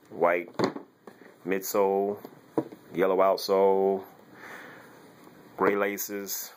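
A man giving a casual, chatty shoe review at home, talking loosely with slangy asides. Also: deep voice. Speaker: sneaker vlogger. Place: home bedroom, laundry running.

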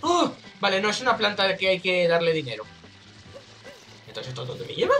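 A man's voice: high-pitched, sing-song, brisk, pushed and bright, faint music behind. A man with a Spain Spanish accent giving casual, jokey, exclamatory commentary while playing a video game. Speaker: let's play gamer.

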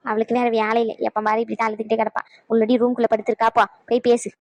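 A sharp-tongued old village grandmother, as a woman acts her out in a cartoon. She scolds in a high, fiery voice and rattles her words off at great speed. The sound is dry and close. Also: level tone, racing, no echo, dull audio, natural voice. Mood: scolding. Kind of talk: cartoon voice acting.

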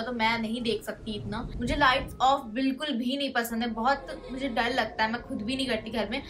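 A woman's voice: a little high, sharp tone. A woman vlogger chatting casually to the camera in a dim room at home, nervous and giggly, with sudden gasps and squeals.

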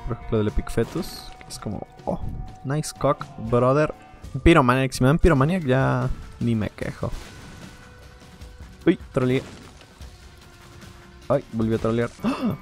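A man's voice: medium pitch, a little mellow. A man giving playful, rambling let's play commentary, joking and laughing often. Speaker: gaming video creator.

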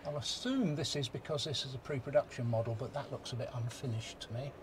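A fast-talking man with a medium-pitched voice, this motorhome vlogger gives a relaxed walkaround inside a motorhome at an indoor trade show, chatting, thinking aloud and making mild comments. The recording, from a handheld camera mic, carries the din of the exhibition hall.

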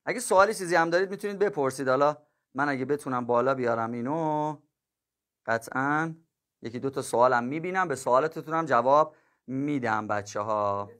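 Male math teacher on a livestream, voice a bit high, jokey and chatty with the kids. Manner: chatty, jokes and laughs with viewers; addresses students warmly as kids and dear ones. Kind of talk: casual livestream talk to students.

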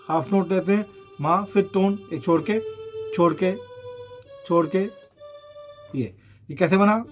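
A man explaining keyboard scales in a patient, casual tutorial, counting the steps out aloud. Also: sits high. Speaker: keyboard teacher.

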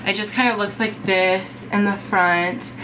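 Recorded indoors in her bedroom with some background noise, this congested young beauty vlogger talks to camera at a slightly slow pace. Her medium-pitched voice stays steady as she chats casually, filling gaps with lots of "um" and "like."

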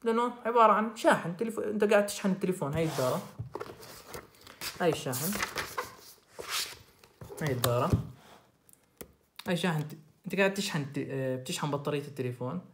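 A young man with a Jordanian accent, tutoring through a recorded lecture and repeating the key points. He asks quick questions and answers them himself. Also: a little high, expressive, background noise. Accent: Jordanian Arabic. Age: young adult. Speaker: student tutor.

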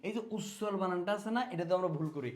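Speaking very fast and high, a man with a Bangladeshi Bengali accent gives exam students an energetic spelling lesson. He poses questions, answers them himself, and repeats words as a drill.

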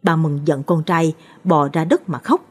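A woman storyteller reading a ghost story in scripted narration with a steady, measured delivery. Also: low-pitched, husky.

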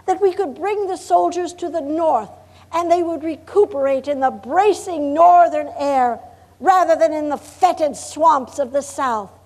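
With a high but darkish voice, a historical reenactor portrays an earnest governor's wife of the 1860s in a live performance. In first person, she lays out her cause with solemn, impassioned oratory, moving slowly and deliberately and leaning on every grim detail.

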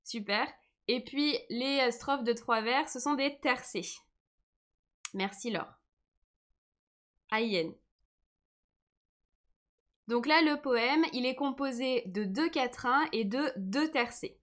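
Woman teacher, high voice, slow delivery, tired but patient and encouraging, webcam lesson. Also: a bit bright. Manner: patient, encouraging, reads comments aloud. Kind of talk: live online French lesson.

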